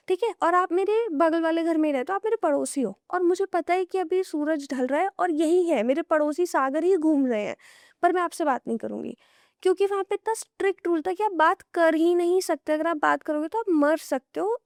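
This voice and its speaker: A woman's voice: very high voice, animated, a little fast, a little mellow, no echo, studio quality. A young woman telling horror stories casually on a podcast, pulling the listener in with what-if scenarios. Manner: casual, draws the listener into hypotheticals. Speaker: horror storyteller guest. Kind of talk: conversational horror storytelling on a podcast.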